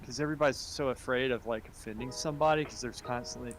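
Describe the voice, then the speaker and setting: A man's voice: medium pitch, fast, music in the background. A man chatting casually on a livestream, rambling along in loose, unplanned sentences. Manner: rambling, with fillers and restarts.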